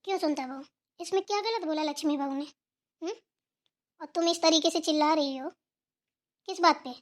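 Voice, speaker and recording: A woman's voice: sits high, moderate pace, lightly acted. A woman voicing a stern elderly grandmother who scolds her daughters-in-law in an authoritative tone.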